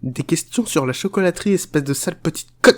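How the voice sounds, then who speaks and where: A man's voice: a little high, lively intonation, quick pace, a bit bright. A man playing a crude, unhinged chocolate factory owner, rambling, swearing and mocking in a comic parody.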